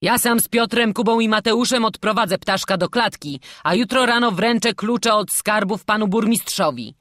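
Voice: medium pitch, moderate pace, no echo, studio quality, pitched above the performer's own voice, natural voice. A narrator putting on a barking watch captain. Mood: commanding. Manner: loud, barking orders. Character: gruff shouting town watch captain.

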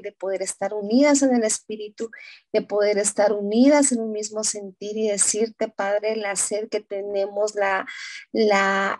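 A woman's voice: mid-range voice, darkish tone. A woman, the invited speaker, greeting the group and leading an earnest, fervent spoken prayer.

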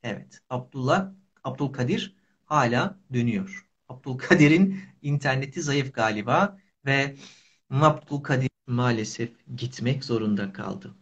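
A man's voice: medium pitch, a little slow. A man, hosting a casual live language lesson in simple, repeated short phrases. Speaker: Turkish teacher and live host. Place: small indoor room. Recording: dull lo-fi livestream audio.

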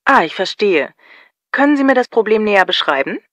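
A woman's voice: mid-range voice, big pitch swings, a little fast, fairly bright tone, no room sound. Woman acting as polite store customer service lady, businesslike, dry close recording, language-lesson dialogue. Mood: polite, helpful.

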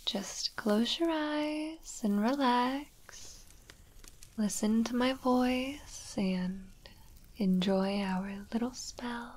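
A woman voicing a gentle witch matchmaker in an ASMR roleplay, speaking in a calm, soothing whisper. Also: on the high side, very slow.

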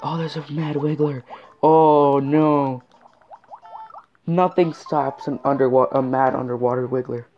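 A woman's voice: a bass voice, flat delivery, moderate pace, hardly any pauses. A woman gaming YouTuber giving let's-play commentary, easily exasperated and groaning at the game. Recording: dull lo-fi recording with game music. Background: video game music.

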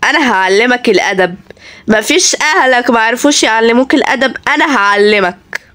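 A woman's voice: a little high, fairly quick, a bit bright, pitched below the performer's own voice, lightly acted. Woman doing a stern Egyptian man. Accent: Egyptian Arabic. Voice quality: firm, clipped, threatening. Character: stern strict man scolding a child.

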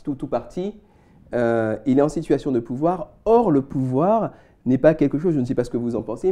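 A man's voice: mid-range voice, warm tone. A man giving a reflective Bible study talk, addressing listeners directly and reading scripture aloud. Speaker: Adventist Bible teacher.

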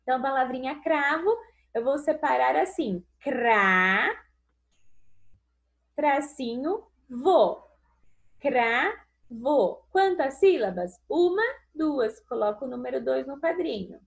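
A Brazilian woman teacher giving a recorded lesson to young children, slow and sing-song, stretching out syllables and calling the pupils "amores". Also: high voice, animated, vocal fry. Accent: Brazilian Portuguese. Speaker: primary school teacher. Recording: dull lo-fi recording.

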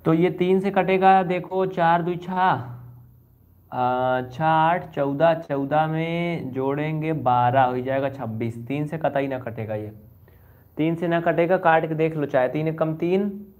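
Taking his time, a man with a slightly high voice teaches maths online in a chatty way, mildly scolding his students and repeating every step. His audio comes across thin, like a phone.

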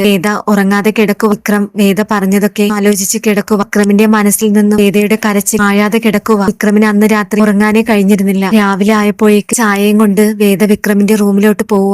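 A woman's voice: medium pitch, darkish tone, no echo. A woman retelling a TV serial episode, reading out the characters' lines in plain storytelling.

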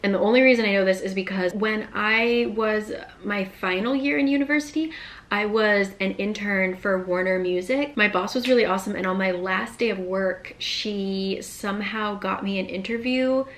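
A woman's voice: mid-range voice, normal speed. A woman in her twenties telling a story to the camera in a casual vlog, chatty and full of "like" fillers, gesturing as she talks, recorded on a camera mic in a small apartment room. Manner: chatty, many "like" fillers, animated hand gestures. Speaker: vlogger.

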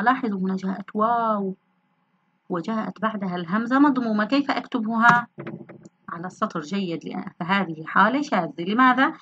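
A woman teaches a grammar lesson, posing questions to her class and answering them herself. Her voice is bright and forward, and the recording sounds slightly dull and lo-fi. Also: medium pitch, breathy edge. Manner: explanatory, asks and answers her own questions.

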